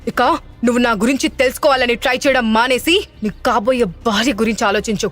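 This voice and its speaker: A woman's voice: a little high, fairly even intonation, quick pace, faint music behind, lightly acted. A woman voicing a cold, defiant young mother who speaks firmly in an audio drama. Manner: cold, firm.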